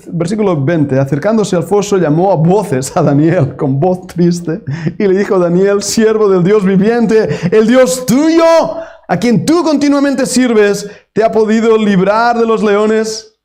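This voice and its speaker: A man delivers an evening sermon, his voice sitting high yet mellow and soft-edged. He reads scripture aloud with dramatic lifts and drops, pulling back almost to a murmur on the key lines. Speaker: pastor.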